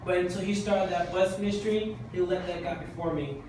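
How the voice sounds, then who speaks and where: Man, preacher, high voice, insistent repetitive exhortation, sermon, very echoey hall, far from mic. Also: brisk, background noise.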